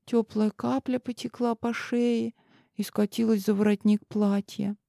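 A woman narrating a fantasy audiobook in an expressive, tense manner. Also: fairly high pitch, unhurried, vocal fry, no echo, clean studio sound.

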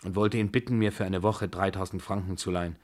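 A man's voice: sits low, fairly even intonation, quick pace, darkish tone, close to an everyday voice. A man voicing a weary old grandmother. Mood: tired, imperious. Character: old rich grandmother, imperious yet weary.

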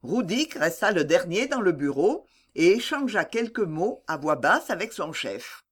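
An audiobook narrator reads a classic novel in a measured, expressive way. The pitch sits in a middle range but moves about freely, which keeps the descriptive passages lively. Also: husky.

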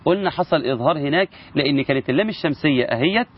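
A man's voice: on the high side, expressive, rapid-fire, lo-fi sound. A man with an Egyptian accent, teaching Quran recitation rules in a casual spoken lesson and asking his listeners rhetorical questions. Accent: Egyptian Arabic.

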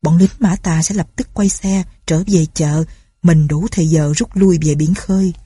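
A woman voicing nervous young bandit henchmen who talk in hushed, worried tones. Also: on the low side, fairly even intonation, moderate pace, slightly rough, dry recording, clean studio sound.

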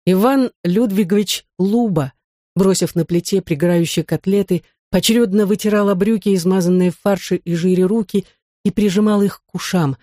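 A woman narrates a novel as an audiobook, telling the story evenly at a middle pitch. The recording is close and dry, with no room sound. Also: moderate pace, mellow, no room sound. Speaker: audiobook reader. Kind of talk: scripted narration.

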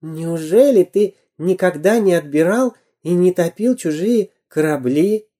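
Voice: mid-range voice, expressive, a little slow, mellow, pitched above the performer's own voice. A storyteller voicing a sly, sniggering pirate sidekick in a storybook reading. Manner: sniggering, wheedling.

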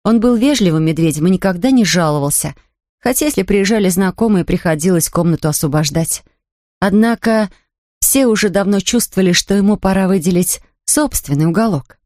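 A woman reading a children's storybook aloud in a lively, expressive way and voicing the characters. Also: mid-range voice, brisk, dry recording, clean studio sound. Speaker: audiobook narrator. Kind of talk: scripted storybook narration.

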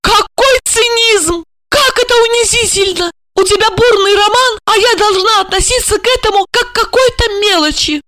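A woman's voice: extremely high pitch, normal speed, few pauses, pushed and bright, pitched above the performer's own voice. A woman voicing a hysterical young wife who screams accusations at her husband in an audiobook. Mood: hysterical fury.

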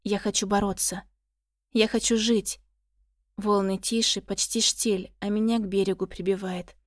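A woman's voice: mid-range voice, flat delivery, moderate pace, no echo. Female audiobook narrator, intimate first-person read, dry close sound.

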